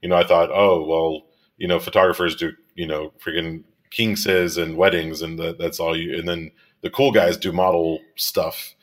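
A low-pitched man in his thirties from Miami, United States, speaks with a flat delivery at a moderate pace. A commercial photographer and director, he's a casual interview guest who rambles with many fillers and restarts and laughs easily.

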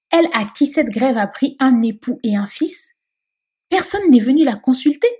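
Woman reading a novel aloud, husky, measured storytelling. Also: a little high, warm tone. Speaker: narrator. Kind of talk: scripted narration of a novel.

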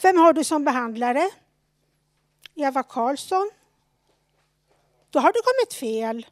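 A woman's voice: high-pitched, lively intonation, no room sound, clean studio sound. Woman in her forties reading her story. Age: 40s. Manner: slow, halting, earnest reading with restarts. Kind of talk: reading a personal story on radio.

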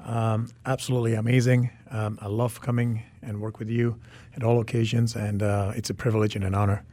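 A man's voice: fairly low pitch, level tone, fairly quick, mellow, no room sound. A man in his forties, a native Czech speaker, guest on a radio interview, who talks enthusiastically and repeats words for emphasis. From Czech Republic. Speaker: photographer.

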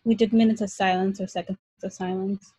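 A woman from Colombia hosts a podcast interview, chatting candidly with her guest. Her voice is slightly husky and sits close and dry to the mic. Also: mid-range voice, level tone, fairly quick, warm tone, no room sound. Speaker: podcast host, graduate student. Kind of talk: casual interview conversation.

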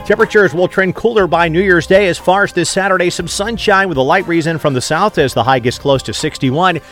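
Brief: American male radio meteorologist, slightly high voice, quick pace, faint music bed. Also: fairly bright tone. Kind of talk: scripted radio weather forecast.

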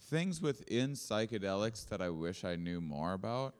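A man's voice: fairly low pitch, big pitch swings, clear, resonant tone. A man in casual podcast chat, asking questions and trailing off while thinking. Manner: inquisitive, halting when unsure.

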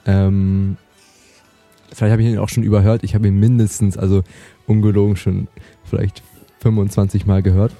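A young man chatting casually as a podcast host, excitable and gushing, with lots of fillers and restarts. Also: lowish voice, normal speed, no room sound, soft background music. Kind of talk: casual chat.

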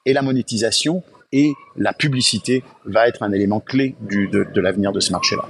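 A man's voice: on the low side, fairly quick, vocal fry, a little hiss or hum. A man speaking as an enthusiastic guest in a remote podcast interview, often restarting his sentences. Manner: enthusiastic, talks in bursts with many restarts. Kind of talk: remote interview, casual chat.

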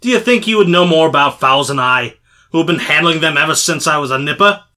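A man's voice: fairly high pitch, bright, forceful tone. An actor playing a surly, hot-tempered poultry salesman who blusters and argues. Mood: indignant. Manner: blustering, combative, quick to anger. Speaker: market stall salesman.

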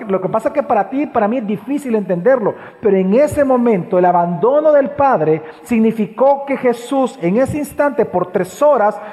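Male pastor, high voice, sermon in a church hall with long reverb; repeats lines for emphasis, loud-to-hushed swings. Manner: preaching with sharp swings between loud high passages and low hushed ones.

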